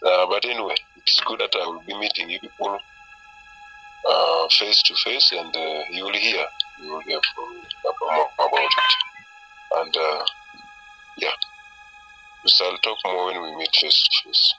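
A man whose voice is disguised and pitched very deep, talking hesitantly with many fillers over a phone call from a refugee camp. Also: lively intonation, normal speed, long pauses, bright, forceful tone, soft background music. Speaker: source speaking on a call.

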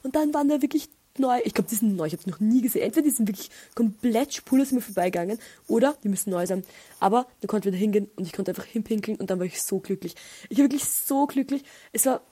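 A woman's voice: fairly high pitch, breathy edge. A young woman with an Austrian German accent, hosting a podcast and telling a story in casual chat, ranting with animation. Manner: chatty storytelling with animated rants. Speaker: podcast host.

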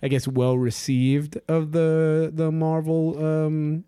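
Podcast host, man, smooth clear voice, dry close mic, easygoing with frequent laughs. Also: on the high side, level tone, slow pace, dark tone, dry recording. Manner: laughs often, many fillers. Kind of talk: casual chat.

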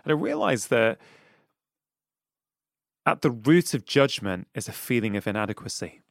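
Speaking in an unhurried, sing-song way at medium pitch with a creaky edge, this podcast host from Manchester, England, leads a reflective interview. He's earnest and thoughtful, peppering his talk with "you know." The studio sound is clean, with no echo.

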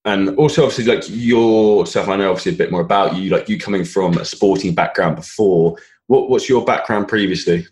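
A man's voice: sits low, brisk, a little mellow. A man hosting a fitness podcast, chatting casually and encouragingly, with frequent qualifying asides. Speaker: podcast host, fitness coach. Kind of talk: casual interview chat.

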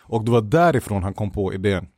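A man's voice: on the low side, expressive, a little mellow, dry recording, studio quality. Slangy, laid-back guest man. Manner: slangy, mixes in English phrases. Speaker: TV show creator as podcast guest. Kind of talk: casual chat.

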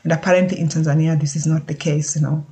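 Vlogger, flat even delivery, hesitant and reflective, casual talk to camera. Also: mid-range voice. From Kenya. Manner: halting, thoughtful, searches for words. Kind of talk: casual spoken update.

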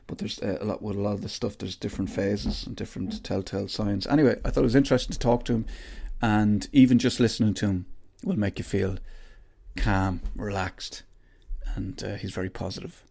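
A man's voice: on the low side, a little fast, vocal fry, mellow. A man hosting a casual podcast interview, informal and rambling as he thinks aloud.

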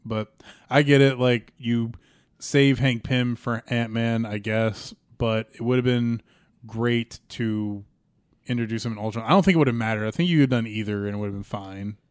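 A man's voice: mid-range voice, fairly even intonation, normal speed, clear, resonant tone, no room sound. Joking man in casual, dry-recorded banter. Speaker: podcast panelist.

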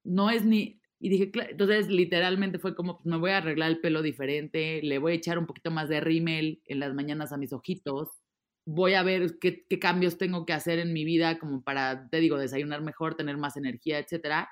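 A woman's voice: deep voice, brisk. A woman, a guest talking casually and animatedly in an interview. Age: 30s. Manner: chatty, animated, trailing off and restarting. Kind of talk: casual conversation.

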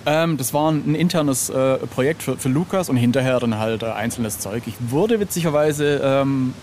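A middle-aged man interviewed as an illustrator keeps things loose and informal, telling stories at his own expense. His voice sits at medium pitch with a darkish tone and a moderate pace, against clearly noisy surroundings.

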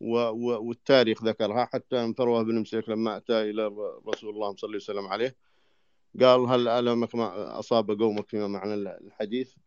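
Low-voiced sheikh on a dull distant line. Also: male voice, fairly even intonation, darkish tone, clear, resonant tone, dry recording. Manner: halting, with many restarts and drawn-out fillers. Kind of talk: casual talk in an online voice chat.

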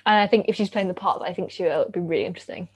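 A woman's voice: on the low side, racing, slightly rough. A woman co-hosting a podcast in casual chat, playful and teasing. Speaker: podcast co-host.

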